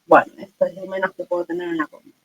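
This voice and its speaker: A woman's voice: mid-range voice, big pitch swings, rapid-fire, gravelly, husky. Casual Argentine woman teaching online. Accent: Argentine Spanish. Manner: casual, lots of fillers and checking with students. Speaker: chemistry teacher. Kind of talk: online class. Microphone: video call. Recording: dull lo-fi video call audio.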